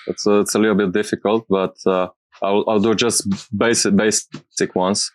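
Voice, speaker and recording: A man who speaks English as a second language, giving casual interview answers and searching for his words in a halting way. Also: lowish voice, little pitch movement, no room sound. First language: not English. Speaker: music producer being interviewed.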